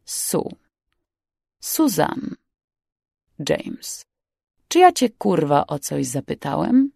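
A woman voicing a cold, commanding male yacht boss who threatens calmly and swears. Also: fairly low pitch, normal speed, vocal fry, no room sound, clean studio sound. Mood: menacing. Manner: calm, menacing, swearing.

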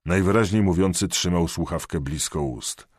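Deep husky man reading a thriller. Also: no room sound, clean studio sound. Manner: measured, expressive reading. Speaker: audiobook narrator. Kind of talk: scripted thriller narration.

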